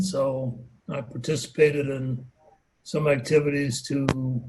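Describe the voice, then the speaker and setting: An older man from New Orleans reminiscing in a measured, thoughtful way, with many pauses. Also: mid-range voice, darkish tone, rough recording. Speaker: alumnus guest. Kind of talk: casual reminiscing.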